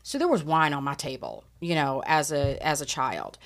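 Animated woman in her forties. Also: low-pitched, normal speed. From Southern California. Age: 40s. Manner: animated storyteller, laughs while talking. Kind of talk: casual chat.

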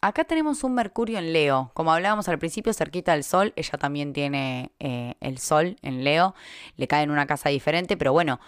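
Low-voiced Argentine woman astrologer. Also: expressive, a little fast, clear, resonant tone, no echo, studio quality. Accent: Argentine Spanish. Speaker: podcast co-host, astrologer. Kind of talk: casual chat reading a listener's chart.

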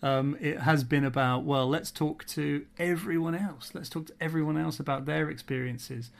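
Chatty man with a gravelly voice. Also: a little high, fairly even intonation, moderate pace. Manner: chatty, rambling, laughs often. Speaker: podcast host. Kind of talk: casual podcast chat.

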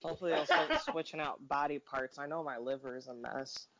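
A woman's voice: very deep voice, very animated, brisk, gravelly, heavy background noise. A woman chatting casually as a podcast co-host, sounding tired and worn out, with a blunt, dry way of talking. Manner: weary, exhausted-sounding delivery. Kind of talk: casual chat. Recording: dull, lo-fi audio.

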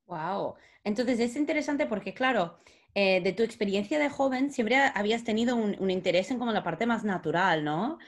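A woman's voice: medium pitch, normal speed. A woman hosting a casual podcast interview, chatty, with frequent fillers and restarts. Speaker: podcast host.

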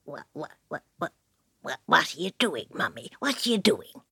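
A tiny storybook changeling, thousands of years old and full of sly cheek, put on by a woman. He drags his words slowly in a low, husky voice, close and dry with no room around it. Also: big pitch swings, a bit bright, no room sound, full character voice. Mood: indignant. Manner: slow, low, puzzled questioning. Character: sly ancient male fairy changeling, small.

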